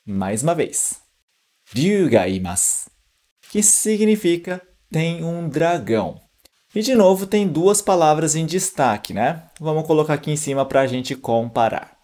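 A man gives an online Japanese lesson at an unhurried pace. His pitch rises and falls with lively emphasis. He patiently says each word again and again so learners can practice. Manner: slow, patient, repeats words for practice. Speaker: Japanese teacher.

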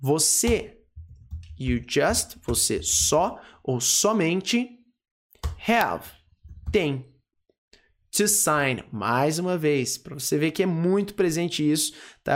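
A teacher with a Brazilian Portuguese accent explaining English phrases, patiently repeating each word and checking in with the class. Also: medium pitch. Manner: patient, repeats words and checks in with frequent 'tá?' and 'ok?'.

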